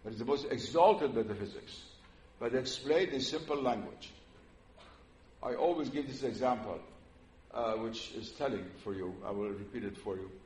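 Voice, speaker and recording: An older Iranian man whose first language is Persian gives a public religious lecture to an audience in a hall. His medium-pitched voice is a little mellow, and his manner is measured and earnest with frequent "uh" pauses. The hall sounds roomy, with faint noise.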